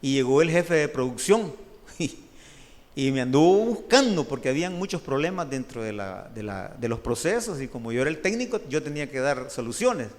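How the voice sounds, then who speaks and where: Man, Salvadoran Spanish accent, sermon testimony, long hall reverb, lively delivery. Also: medium pitch, moderate pace. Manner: animated storytelling, often says "hermano". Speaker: preacher.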